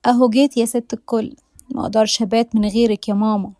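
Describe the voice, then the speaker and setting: A woman voicing a lively, quick-tongued young woman who jokes with a playful bite, speaking with an Egyptian accent. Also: a little high, no room sound, clean studio sound, close to an everyday voice. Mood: affectionate. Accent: Egyptian Arabic. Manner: teasing, playful banter.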